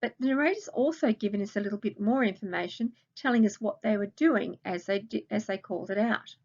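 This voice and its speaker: A woman's voice: medium pitch, a little fast, vocal fry, a little mellow, highs cut off. A woman with an Australian accent, a primary school teacher patiently explaining a recorded grammar lesson to children and asking them questions.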